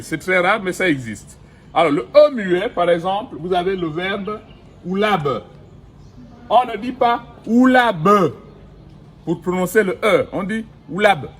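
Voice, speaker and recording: A middle-aged man giving a recorded language lesson outdoors, speaking slowly and deliberately and repeating each vowel and example word. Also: sits high, fairly bright tone, husky. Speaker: language teacher. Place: outdoors in the sun.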